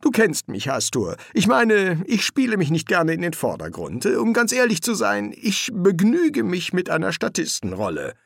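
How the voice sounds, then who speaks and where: Audiobook demon, nervous and eager to please, stammering, gravelly edge, as a male narrator puts him on. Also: high voice, wildly swooping pitch, normal speed, hardly any pauses, no room sound, clean studio sound, pitched above the performer's own voice, heavily acted. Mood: whiny. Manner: stammering, hesitant.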